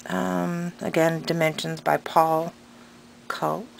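A woman's voice: sits low, little pitch movement, slow. A woman chatting casually as a craft vlogger, hesitant and rambling but enthusiastic, her articulation slightly impeded by a tongue piercing. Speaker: craft vlogger and pattern seller. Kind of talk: casual unscripted show-and-tell chat. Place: indoors at a craft table at home. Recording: clearly noisy home recording.

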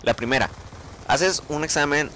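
A man's voice: a little high, normal speed, bright, forceful tone, slight background noise. A young man with a Mexican accent telling a story casually as a vlogger. He swears freely and acts out his own reactions.

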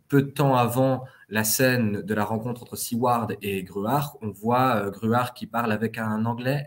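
A man co-hosting a literary podcast, explaining at length with many hesitations and fillers. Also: medium pitch. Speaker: podcast co-host. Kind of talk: literary discussion.

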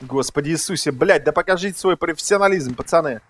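A man's voice: on the high side, quick pace, fairly bright tone. A man in gaming voice chat, calling out targets urgently and swearing heavily. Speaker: squad gamer. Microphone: gaming voice chat mic. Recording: noisy game audio with gunfire. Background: gunfire, artillery, clicks.

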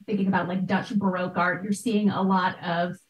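A woman who hosts an art history podcast appears as a guest expert on a video call, explaining things articulately and conversationally. Her voice is on the low side, with little pitch movement and a slightly fast pace, and the distant mic makes her small, bright home room sound roomy.

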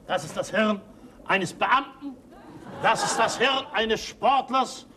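An actor playing a proud, scheming mad professor in a comic TV sketch, with a pompous, theatrical manner. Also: male voice, sits high, slow. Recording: 1970s TV studio, audience, hiss. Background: studio audience.

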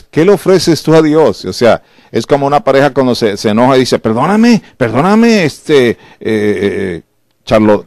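A man's voice: medium pitch, a little mellow, dry recording. A male pastor preaching a sermon in a conversational, exhortative way and often asking the congregation questions.

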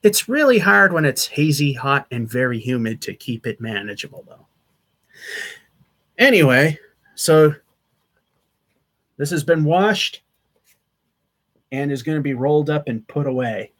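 This thirtysomething channel host has a higher-leaning, fairly bright voice with lively intonation, going a little slowly with long pauses. He rambles chattily through a casual vlog update, full of fillers and restarts, on a desk-distance webcam in a small attic beneath a sloped wood-paneled ceiling.

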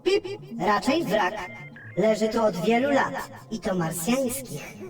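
A woman's voice: on the high side, lively intonation, slow pace, over loud music. A woman voicing Robi, a know-it-all onboard computer in a children's cartoon, who lectures in facts and starts with a beep. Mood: lecturing. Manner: lecturing, factual, beeps before speaking. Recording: roomy, distant and echoey.

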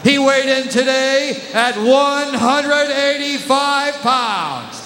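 A man announces fighters in a showy, drawn-out lucha libre manner. His voice is very high and slow, with stretched names and bilingual flourishes. It rings out over an echoey arena PA with some noise. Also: pushed and bright. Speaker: ring announcer.

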